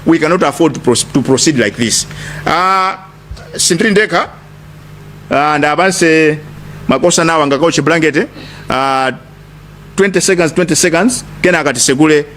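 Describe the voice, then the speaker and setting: A man's voice: fairly high pitch, moderate pace, long pauses, fairly bright tone, slight background noise. A man with a Malawian accent giving an emphatic political speech at a press briefing, often repeating phrases. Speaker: lead speaker at a press briefing.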